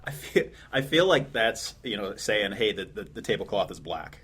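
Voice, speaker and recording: A man's voice: on the low side, sing-song, normal speed, fairly bright tone, husky. A man, a pro wrestler guest, making cocky, boastful declarations in a promo.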